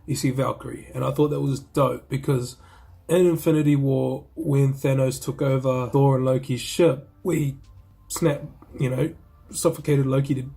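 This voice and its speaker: A movie reviewer with a New Zealand accent chats casually about a film he reviewed, his voice slightly high, creaky and warm with a breathy edge. He's laid-back and slangy, rambling and restarting as he goes.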